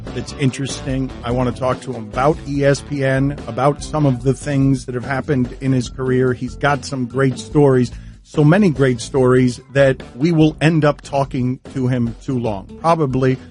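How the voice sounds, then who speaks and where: A man's voice: mid-range voice, fairly even intonation, moderate pace, a little mellow, faint music behind. A man hosting a sports interview podcast, talking casually and introducing his guest. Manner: conversational, reads ad promos. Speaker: podcast host.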